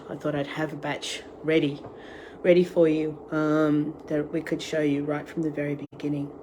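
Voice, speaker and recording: A low, mellow voice in a rough recording: a middle-aged Australian online tour and cooking class host, fighting a cold and losing her voice, casually hosts a live cooking stream and greets each viewer who shows up. Using her device camera, she's out on a deck with wind and ambient noise, later moving into her home kitchen.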